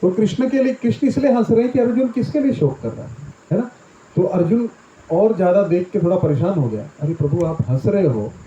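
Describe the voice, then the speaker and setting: Giving a discourse on the Gita, a man with a slightly high, mellow voice explains through familiar everyday examples, often pausing to ask "right?" of his audience. Slight background noise accompanies the echoey room and dull, lo-fi recording.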